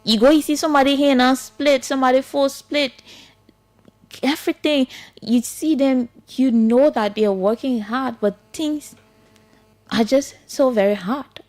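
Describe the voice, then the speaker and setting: An earnest Liberian woman hosting a morning talk radio show. Her voice sits a little high, and she presses each point by repeating it. She talks to her listeners directly. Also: measured pace, darkish tone. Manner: earnest, repetitive, pleading. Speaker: radio host and journalist.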